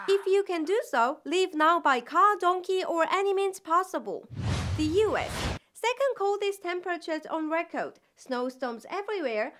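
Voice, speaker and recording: Girl doing a parody news anchor weather princess, super high voice, clipped and breezy, bit of noise. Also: a bit bright, exaggerated voice. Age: young adult.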